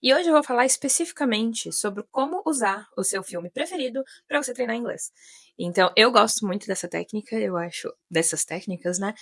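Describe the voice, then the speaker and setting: Brazilian woman, 30s, teacher, mid pitch, slight fry, dry close mic, conversational. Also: a bit bright, no room sound. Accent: Brazilian Portuguese. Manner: chatty, many fillers like né and sabe. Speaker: English teacher. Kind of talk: casual video lesson.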